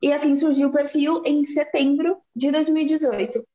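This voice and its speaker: Bahian woman, twenties, high and bright-pitched, casual and chatty, echoey lo-fi sound. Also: normal speed. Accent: Bahian Portuguese. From Bahia, Brazil. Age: 20s. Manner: relaxed, chatty, laughs easily. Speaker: guest, activist. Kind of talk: casual interview talk.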